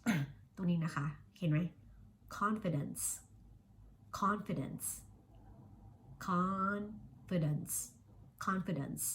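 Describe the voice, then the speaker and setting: A woman's voice: mid-range voice, darkish tone, slight background noise. Chatty Thai woman teaching English. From Thailand. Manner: chatty, self-reflective, drills words slowly by repeating them. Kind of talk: casual vlog-style lesson.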